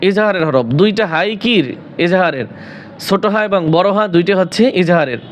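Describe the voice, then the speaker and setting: High-voiced man teaching Quran recitation. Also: expressive, slight background noise. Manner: drawn-out melodic recitation between quick explanations; asks questions then answers them himself. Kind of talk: spelling out and reciting Quranic words.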